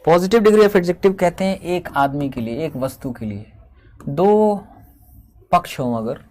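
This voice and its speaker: Explaining grammar one step at a time, a man slows down and stretches out every example word. He sounds animated, with a slightly high, slightly mellow voice.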